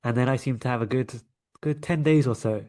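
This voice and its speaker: A Londoner with a London English accent tells stories conversationally as an interview guest; he's a coach and energy healer. His mid-range voice is brisk with a dark tone.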